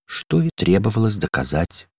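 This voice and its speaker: A man's voice: medium pitch, big pitch swings, a little fast, no echo, studio quality, pitched above the performer's own voice. A man doing a meek, bewildered padlock. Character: timid, gloomy male padlock with broken shackle. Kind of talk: storybook character reading.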